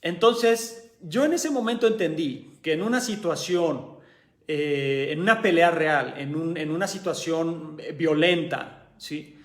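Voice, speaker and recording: Emphatic high-voiced Mexican man, echoey room. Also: measured pace. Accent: Mexican Spanish. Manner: emphatic, repeats phrases for stress. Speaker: aikido instructor. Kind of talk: telling a personal story.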